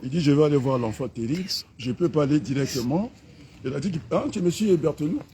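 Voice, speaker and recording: Man, middle-aged, fiery, mocking, bursts of shouting, filmed outdoors, faint background noise. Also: on the high side, animated, fast talker. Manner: fiery, combative, mocking, with sudden loud outbursts. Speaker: political activist. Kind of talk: impassioned political rant to camera. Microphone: camera held by a companion.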